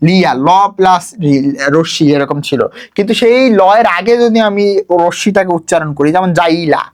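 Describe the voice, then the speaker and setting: A young man teaches a recorded grammar lesson, his voice sitting high for a man. He quizzes his listeners, answers his own questions, and keeps checking whether they follow. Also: moderate pace. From Bangladesh. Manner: asks the class questions and answers them himself, often checks "clear?". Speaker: admission exam tutor.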